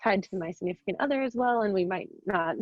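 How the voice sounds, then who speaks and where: A woman's voice: medium pitch, lively intonation, quick pace, no echo. A young adult woman on a video call, asking a question in a hesitant, casual way, with many ums and likes. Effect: video call audio. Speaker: audience member asking a question. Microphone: computer mic on a video call. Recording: muffled, dry video call audio.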